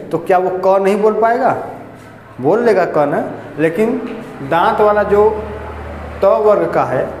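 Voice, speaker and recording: A man with a high-pitched voice gives a Hindi grammar lesson in a classroom. He explains step by step, asking questions and answering them himself. The room is echoey with a long reverb, and a faint hum sits underneath. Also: a little mellow. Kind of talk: classroom lecture.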